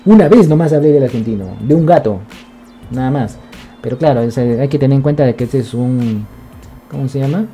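Excitable male streamer, very dark voice, rambling swear-heavy chat over faint music. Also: medium pitch, brisk. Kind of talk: casual live-stream chat.

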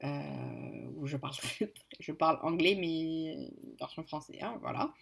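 A woman's voice: sits low, wildly swooping pitch, unhurried, gravelly, slightly rough. A woman casually presenting her reading list, hesitant, with many fillers and self-corrections. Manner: apologetic about pronunciation. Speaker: book vlogger. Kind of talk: casual book haul chat.

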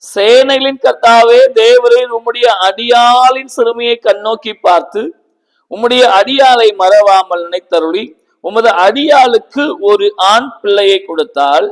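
A man's voice: extremely high pitch, a little slow, big-room sound, rough recording. A preacher voicing a grieving childless woman in prayer. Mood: solemn pleading. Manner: pleading, tearful prayer.

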